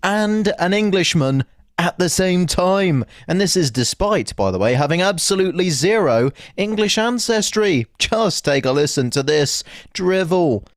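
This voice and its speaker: A man's voice: high-pitched, lively intonation, a little slow, no room sound, studio quality. A man giving a scornful, mocking political commentary as the host of his show. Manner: mocking, dismissive.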